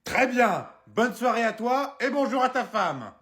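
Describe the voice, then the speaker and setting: A man's voice: very high-pitched, very animated, unhurried, pitched above the performer's own voice, exaggerated voice. A man voicing a fierce wife who threatens her husband's boss over the phone in a comedy sketch. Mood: menacing. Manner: sneering, threatening, loud.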